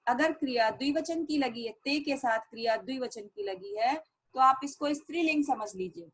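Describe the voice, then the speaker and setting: Slow, patient woman teacher. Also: a little high, poor audio. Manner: slow, repeats each sentence in Sanskrit then Hindi. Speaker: Sanskrit teacher. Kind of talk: classroom lesson explanation.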